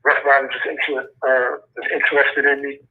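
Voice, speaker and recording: A Brooklyn man with a New York accent talks casually through a tinny prison phone line, the sound thin and squeezed. His voice stays flat and level, and his speech is laid-back street slang with a habit of "you know what I'm saying.". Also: medium pitch, fairly quick, husky. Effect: heard over a prison phone line. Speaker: incarcerated rapper calling in as guest.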